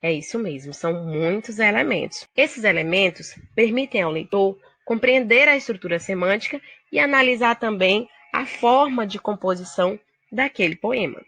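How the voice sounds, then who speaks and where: A woman's voice: medium pitch, expressive, moderate pace, pushed and bright, dry recording. A woman teacher with a Brazilian Portuguese accent, explaining poetry step by step to her students in a recorded video lesson. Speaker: literature teacher.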